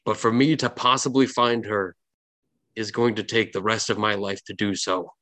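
A man voicing an aged, fierce but heartsick sailor captain in a tabletop game, talking like a gruff old fisherman. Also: fairly low pitch, fairly even intonation, moderate pace, bright, forceful tone. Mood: grieving.

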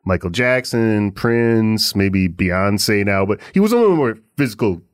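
This male podcast co-host has a fairly low voice with lively intonation and a measured pace, recorded at studio quality with no echo. He rambles casually about music, hesitant and laughing, often restarting his sentences.

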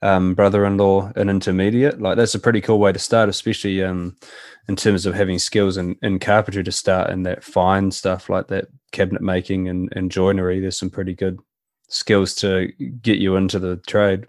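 A man's voice: sits low, flat delivery, normal speed, a little mellow, dry recording, clean studio sound. A man with a broad New Zealand accent hosting a casual podcast interview in a matey, informal way. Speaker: podcast host.

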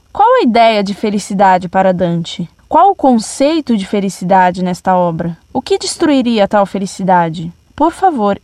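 A woman's voice: mid-range voice, a little mellow, no echo. Young woman, university student, polite, earnest, letter reading, dry sound.

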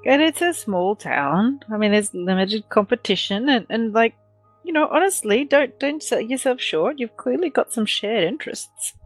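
A woman's voice: on the high side, lively intonation, normal speed, soft background music. A woman playing a tabletop game, chatty and teasing. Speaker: player.

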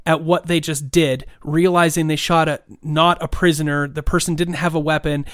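A man with a fairly high voice narrates a tabletop game as game master, painting scenes and prompting players. The sound is dry and close, with no room around it. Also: little pitch movement, normal speed, a bit bright, clean tone, no room sound. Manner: descriptive, guiding players with questions.

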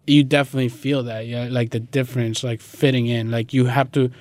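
Here a young man from Guatemala chats through a relaxed interview, his mid-range voice quick, flat and somewhat dark. He speaks loosely with plenty of slang, and "like" and "you know" pop up again and again.

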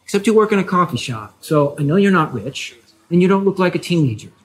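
An actress playing a blunt, irritated coffee shop customer in a comedy sketch. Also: female voice, lowish voice, lively intonation, moderate pace, husky. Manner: blunt and mocking.

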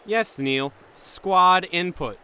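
In a comedic audio drama, a man plays an exasperated squad corporal barking orders at his soldiers. His fairly high voice has a sharp tone and lively intonation, delivered at normal speed with clear impatience.

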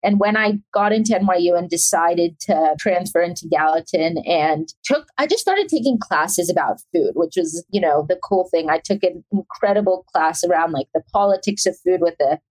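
A woman's voice: fairly low pitch, expressive, normal speed, few pauses, darkish tone, low-quality recording. A young adult woman from South Africa, a chef talking as a guest in a casual interview, chatty and rambling with many fillers.

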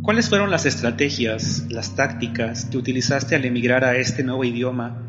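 A man with a Mexican Spanish accent, narrating in a measured, reflective way and asking questions as host. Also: mid-range voice. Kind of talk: scripted narration. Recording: dull sound with reverb over music.

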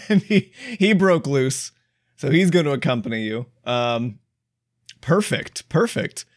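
A young man co-hosting a podcast, brainstorming ideas in an animated way and laughing often. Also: medium pitch, takes it slowly, no echo, studio quality. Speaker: podcast co-host. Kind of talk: casual brainstorming chat.

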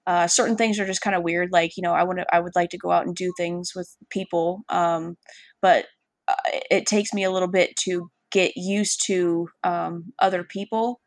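A woman's voice: on the low side, fairly even intonation, moderate pace, no room sound, clean studio sound. A woman from Washington State in a casual chat with a friend, blunt and swearing freely, laughing often. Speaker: friend chatting.

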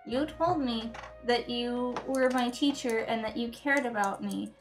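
A woman's voice: a little high, measured pace, over music. Woman player pressing with questions. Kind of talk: in-character tabletop play.

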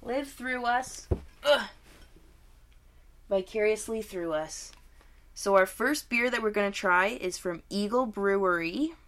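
A woman's voice: medium pitch, slow, long pauses, fairly bright tone. Nasal, congested woman podcaster. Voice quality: nasal, stuffed up. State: sick with a cold. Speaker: podcast co-host. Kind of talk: casual banter, sweary.

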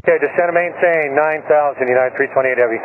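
A man's voice: a little high, a little fast. A man, an airline pilot, speaking terse radio phrases over a cockpit headset transmission during an emergency. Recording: tinny radio line with faint hiss.

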